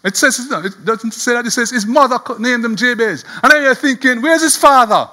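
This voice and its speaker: A man preaching a sermon as a pastor, animated and chuckling as he tells the story, often repeating words. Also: extremely high pitch, fairly quick.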